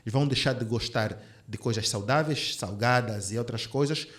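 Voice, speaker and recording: A man's voice: mid-range voice, normal speed, fairly bright tone. Podcast co-host, man in his 30s, earnest and searching, roomy echo. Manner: earnest, thinks aloud with restarts. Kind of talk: casual conversation.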